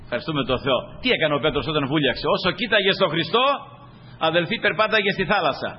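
A man preaching a sermon to his congregation, rising to high emphatic peaks and falling to soft low asides, with frequent calls of "brothers" and "glory to God". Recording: muffled sermon recording with faint room noise.

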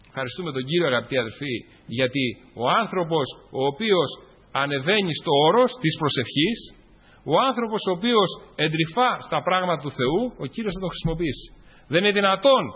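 A man delivers a fervent sermon in a high, husky voice that swells and falls as he recites scripture. His words ring out with a long reverb through a church hall, captured on a dull, muffled recording. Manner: preaching with fervent rises and drops, reciting scripture. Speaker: preacher.

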